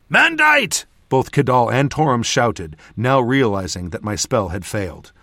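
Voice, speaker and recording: Male audiobook narrator, mid-pitched voice, steady first-person fantasy reading on a dry close mic. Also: dry recording. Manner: measured, steady storytelling.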